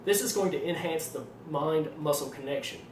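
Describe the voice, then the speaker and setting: A man from Arkansas, United States, with a matching accent and a voice on the high side, gives informal supplement advice as a fitness trainer at a moderate pace. He describes his own delivery as monotone and has a slight tendency to stutter. The recording has roomy echo, a distant mic, and faint noise.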